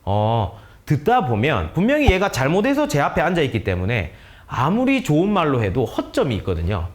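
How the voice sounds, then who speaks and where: A man's voice: on the high side, huge pitch swings, moderate pace. A male teacher earnestly explaining how to guide students, giving practical advice to other teachers and acting out sample conversations. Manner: earnest, explanatory, acts out dialogues. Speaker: teacher, guest speaker.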